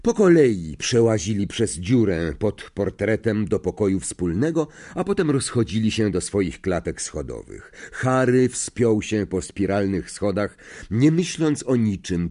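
A man narrating an audiobook in an expressive way, acting out the characters. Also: on the low side, measured pace. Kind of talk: scripted narration.

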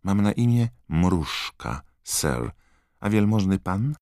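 A man voicing a timid, servile female house-elf in an audiobook, with a high, trembling squeak and constant deference. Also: very animated, slow, a little mellow, dry recording, studio quality, full character voice. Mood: timid, awed. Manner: servile, calls everyone sir. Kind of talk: audiobook character voice.

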